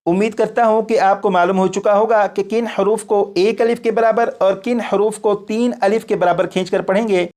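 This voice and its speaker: A man teaching Quran recitation, explaining letters slowly and drawing out each sound for the student to repeat. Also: high-pitched, fairly even intonation, darkish tone. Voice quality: drawn-out chanted letter sounds in drills. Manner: patient, repeats each point, pauses for the student. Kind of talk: slow step-by-step lesson on letters.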